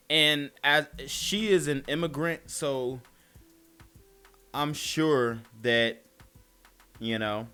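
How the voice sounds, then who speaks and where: A man's voice: fairly high pitch, drawn-out words, long pauses, pushed and bright, smooth, soft background music. A man hosting a casual opinion commentary, talking bluntly and emphatically in slang into a close mic. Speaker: commentary channel host.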